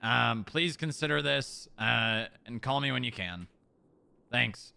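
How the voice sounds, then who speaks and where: Gravelly man leaving a halting voicemail. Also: mid-range voice, pushed and bright, no echo. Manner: hesitant, pleading, full of fillers. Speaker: roleplay streamer. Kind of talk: in-character roleplay.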